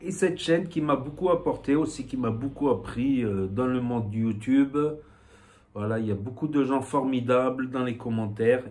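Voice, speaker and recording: Medium in pitch and darkish in tone, a man's voice carries a southwestern French accent as he chats casually to the camera. The YouTuber, from southwest France, rambles through his vlog with many fillers and a recurring "voilà".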